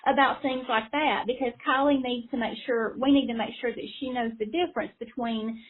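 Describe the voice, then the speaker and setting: A woman's voice: on the high side, fairly even intonation, a little fast. A caseworker, a woman, insistently explaining her side at length on a phone call. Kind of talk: phone conversation. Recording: tinny phone line.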